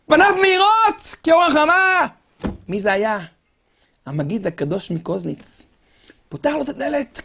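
A man preaching a sermon as a dramatic story, asking the crowd rhetorical questions and swinging from loud calls to hushed tones. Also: very high voice, creaky.

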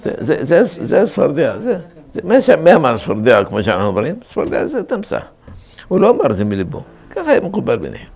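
A man's voice: medium pitch, huge pitch swings, creaky, a little mellow. A man teaching a Torah lesson to a class, explaining grammar and repeating key words for stress.

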